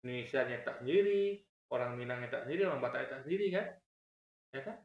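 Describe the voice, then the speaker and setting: A man delivers argumentative reaction commentary at a fast clip, explaining his points repeatedly. His intonation is lively, his pitch swinging up and down, and the room sounds echoey.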